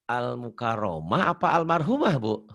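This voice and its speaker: An animated man tutors tajwid over an online call, his pitch swinging widely as he jokes and questions. He chants short verses in between and circles back over his points with good humor. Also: normal speed. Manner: joking, animated, repeats himself, sings recited verses. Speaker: Quran recitation teacher. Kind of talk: casual online tajwid lesson.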